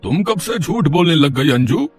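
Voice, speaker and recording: A man's voice: a little high, very animated, moderate pace, faint music behind. Man doing a teasing father-in-law. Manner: teasing, amused. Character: joking middle-aged father-in-law.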